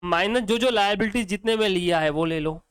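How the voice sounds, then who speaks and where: A man's voice: high voice, fairly quick, a bit bright, clean tone, dry recording. A male accounting teacher, lecturing casually and quizzing students with repeated questions. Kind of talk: exam-prep lecture.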